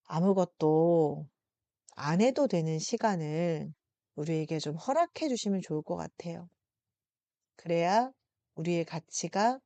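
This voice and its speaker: A woman presenting a psychology talk, speaking gently and consolingly to her listeners, with slow pauses. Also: fairly low pitch, no room sound. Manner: addresses listeners directly and warmly. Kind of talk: reflective explanatory talk to viewers.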